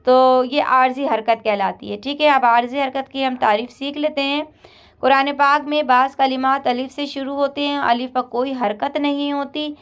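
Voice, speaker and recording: A woman with a high voice teaches Quran reading in a patient step-by-step lesson. She explains each rule plainly, checks in often, and chants the example words slowly and drawn out. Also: clear, resonant tone.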